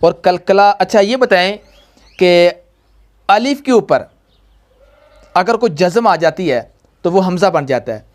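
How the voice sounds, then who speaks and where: A man's voice: sits high, animated, unhurried, pauses often. A young man teaching a tajweed lesson, patient and repetitive, quizzing his pupils. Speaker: Quran reading teacher.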